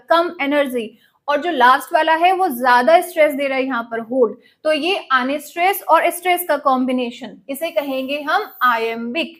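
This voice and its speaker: High-voiced woman teaching a lesson. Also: a bit bright. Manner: explains step by step, mixing Hindi and English, asks students to repeat words. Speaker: English literature teacher. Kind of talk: online exam-prep lesson.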